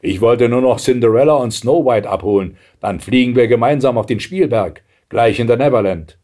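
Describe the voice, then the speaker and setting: A man's voice: mid-range voice, normal speed, mellow, natural voice. A man voicing a big, breezy blue giant in a storybook reading.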